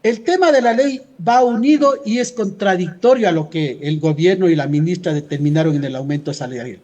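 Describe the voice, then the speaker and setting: A man's voice: high-pitched, fairly quick, a little mellow. An Ecuadorian man speaking as a union leader in a radio interview, arguing emphatically and often posing rhetorical questions. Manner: emphatic, insistent, rhetorical questions answered himself. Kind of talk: radio interview, argumentative commentary.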